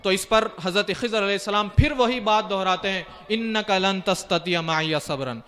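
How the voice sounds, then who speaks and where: A male preacher from India with a high voice narrates a religious story as a sermon. His tone is sharp and ringing. He tells it vividly and voices the characters' lines himself. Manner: vivid retelling, acts out quoted dialogue. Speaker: Islamic preacher.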